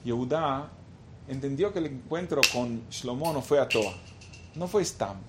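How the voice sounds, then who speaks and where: A man telling a religious anecdote, halting and repeating words as he searches for them. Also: medium pitch, lively intonation, very noisy. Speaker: storyteller.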